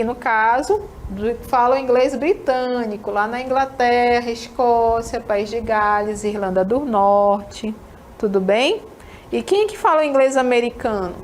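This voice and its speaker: A woman's voice: on the high side, slight background noise. A woman English teacher with a northern Brazilian accent, giving a recorded classroom lesson and often checking in with tag questions. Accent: northern Brazilian, Amazonas. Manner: peppers talk with tag questions to students.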